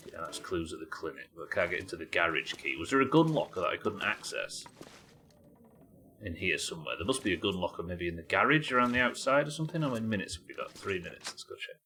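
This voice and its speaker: Guy streaming a game, low but bright voice, chatty commentary, bit of noise. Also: animated, fast talker. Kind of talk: casual live gameplay commentary. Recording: faint background noise.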